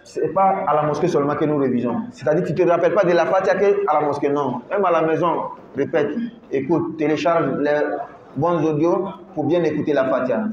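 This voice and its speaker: A man teaching a Ramadan class on Quran recitation in a mosque, drilling each word's pronunciation slowly, syllable by syllable. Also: fairly high pitch. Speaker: religious teacher. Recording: echoey, muffled room recording.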